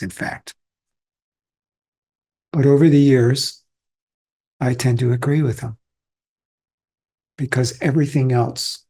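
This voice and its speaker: A man from Austria giving a calm, reflective dharma talk as a Zen teacher, unhurried and pausing often. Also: mid-range voice, husky.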